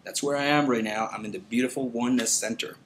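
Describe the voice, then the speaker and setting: A man's voice: medium pitch, fairly even intonation, fast talker, fairly bright tone, a little hiss or hum, low-quality recording. A man from El Salvador talking in a casual, rambling vlog into his computer, with many fillers and restarts. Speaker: meditation vlogger. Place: meditation center indoors.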